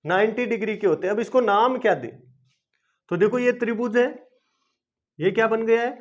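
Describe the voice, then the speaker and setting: This chemistry teacher speaks at a moderate pace in a very high voice, asking questions only to answer them himself. His teaching in the classroom-style video is repetitive and coaxing, and the recording sounds dull and lo-fi.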